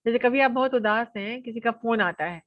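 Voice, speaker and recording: A young adult woman giving an online college lecture, lively and often laughing as she acts out examples with her voice. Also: a little high, a little fast, no room sound, highs cut off.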